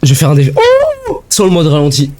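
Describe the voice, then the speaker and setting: A young man from France giving casual, excitable let's-play commentary full of slang as he plays a shooter game. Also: a little high, racing, noisy background. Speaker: gaming video creator.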